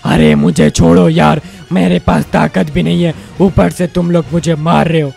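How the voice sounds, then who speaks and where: A man's voice: on the high side, little pitch movement, moderate pace, creaky, darkish tone, faint music behind. A man voicing a weakened, frightened Hulk in a game story, panicky and pleading. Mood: defiant.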